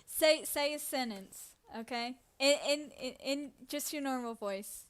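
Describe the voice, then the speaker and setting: Giggly high-voiced woman co-hosting. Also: a little slow. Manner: giggly, teasing, playful. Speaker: co-host. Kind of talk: casual livestream chat.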